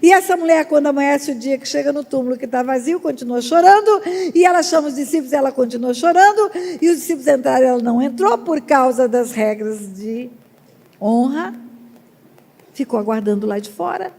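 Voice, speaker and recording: Woman preacher, gravelly, emphatic, booming in a reverberant church hall. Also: expressive. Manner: emphatic preaching with sudden loud rises and drawn-out words. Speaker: pastor. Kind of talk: sermon. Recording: long reverb of a large hall.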